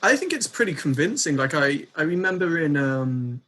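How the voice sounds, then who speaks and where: A man's voice: a little high, big pitch swings, moderate pace, pushed and bright. A man chatting casually as a podcast host and interviewer. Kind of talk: casual chat.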